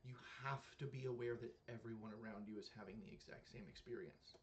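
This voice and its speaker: This reaction video creator, a man aged somewhere in his thirties or forties, speaks briskly in a fairly low voice with fairly even intonation. He reacts to camera in an earnest, casual way, often using fillers and starting over.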